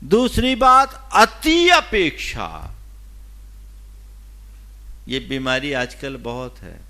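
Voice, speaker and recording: Slow, gravelly-voiced male preacher. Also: medium pitch, big pitch swings. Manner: slow and emphatic, with sudden swings between loud and soft. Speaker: Jain monk preacher. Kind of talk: sermon.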